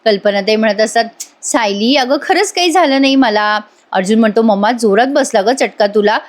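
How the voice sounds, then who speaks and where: A woman's voice: on the high side, a little fast. A woman chattily retelling a TV serial episode and speaking straight to her viewers, taking on the characters' lines as she goes. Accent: Marathi. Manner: chatty, addresses the viewers directly. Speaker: serial recap narrator. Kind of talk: retelling a TV episode with voiced quotes.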